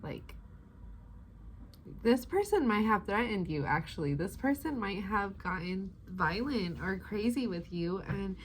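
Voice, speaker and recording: A woman's voice: medium pitch, animated, moderate pace, hardly any pauses, slight background noise, rough recording. A woman giving a casual, chatty spiritual reading in a laid-back, slangy stoner manner, rambling and drawing out words. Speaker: tarot-style spiritual advice reader.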